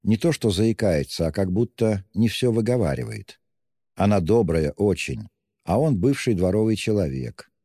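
A man's voice: low-pitched, dark tone, no room sound, studio quality, in a large hall, heavily acted. A man voicing a timid, pious young woman who pleads breathlessly in an audiobook reading. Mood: shy explaining. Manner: pleading, breathless, wringing out words.

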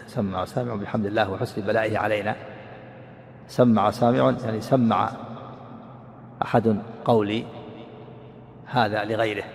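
Low gravelly sheikh explaining a text, long echoey hall, faint hiss. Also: male voice, little pitch movement. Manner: measured and repetitive, restating phrases to explain them. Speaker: sheikh teaching a hadith class.

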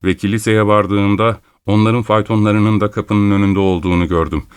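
A man narrating a classic detective story in the first person, in a measured storytelling manner. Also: lowish voice, little pitch movement, smooth, no room sound, clean studio sound. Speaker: audiobook narrator.

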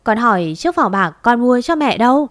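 A woman's voice: fairly high pitch, animated, normal speed, fairly bright tone. A woman voicing an anguished, insistent grown daughter. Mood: cold. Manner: urgent, reproachful questioning.

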